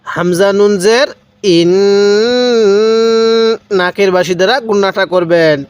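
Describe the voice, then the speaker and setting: A man teaching Quran reading step by step, patiently repeating rules and slowly drawing out each syllable as he spells out the letters. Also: sits high, steady tone, clear, resonant tone, no echo. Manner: patient, repetitive explanations. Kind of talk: step-by-step recitation lesson.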